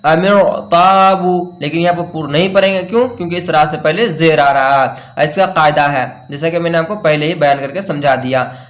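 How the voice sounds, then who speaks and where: A man teaching Quran reading, spelling out each letter slowly and then explaining the rule in plain speech, asking and answering his own questions. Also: fairly high pitch.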